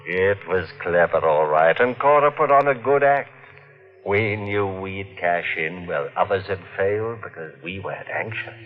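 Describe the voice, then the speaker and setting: Faint music plays behind this low male voice, which is expressive and unhurried. The actor voices a calculating husband recounting his own crime with curt, hard sarcasm, in a dull-sounding vintage 1950s radio drama recording.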